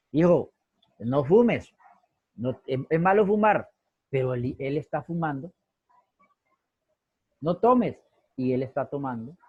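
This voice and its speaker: A man's voice: on the high side, husky, no room sound, narrow, tinny audio. A man teaching a sociology class over a video call, asking rhetorical questions and repeating key phrases. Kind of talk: online class lecture.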